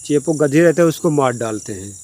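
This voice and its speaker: Man, casual folk storyteller, rambling and repetitive, fairly high voice. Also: expressive, fairly quick, mellow.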